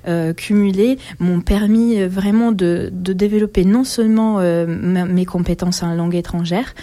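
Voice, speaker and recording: An Italian woman in her forties is a guest in an interview, answering slowly and thoughtfully with frequent pauses between phrases. Her slightly low voice is mellow, warm and steady, her delivery halting.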